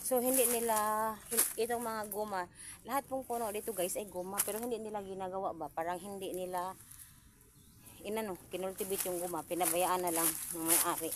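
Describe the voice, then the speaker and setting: A woman's voice: medium pitch, steady tone, a little fast. A woman, a native Cebuano speaker, out of breath while chatting casually to viewers from a forest, pointing things out as she walks. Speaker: vlogger. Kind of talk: casual vlog narration. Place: forest outdoors. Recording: outdoor noise behind the voice. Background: outdoor rural ambience.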